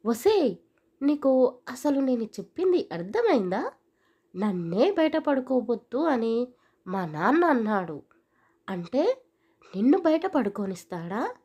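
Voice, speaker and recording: A woman's voice: on the high side, sing-song, unhurried, long pauses, dark tone, husky, heavily acted. A woman voicing a brusque, impatient young husband in an audio story, with curt, scolding lines.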